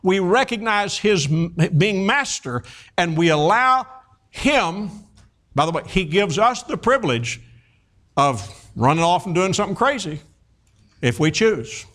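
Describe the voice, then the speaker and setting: With a high voice and a slightly slow pace, a fiftysomething man preaches. His sermon is folksy and animated, built on stories and peppered with fillers and restarts.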